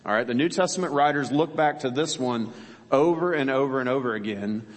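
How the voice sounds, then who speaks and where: A pastor giving a conversational sermon in a church, full of rhetorical questions. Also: male voice, mid-range voice, brisk. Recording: long hall reverb.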